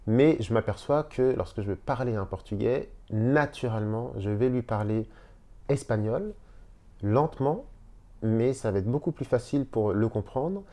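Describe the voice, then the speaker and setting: A Spanish teacher speaks in a relaxed video lesson from a hotel room, explaining slowly and repeating words. He has a medium-pitched, expressive voice with a dark tone.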